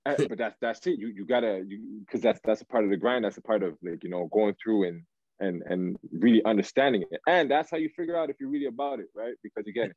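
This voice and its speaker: This guest, a Canadian R&B singer who grew up in Toronto, chats fast in a fairly low, slightly mellow voice, full of slang and frequent checks that he's being followed. The video call from an indoor room sounds dull and lo-fi, with no room sound.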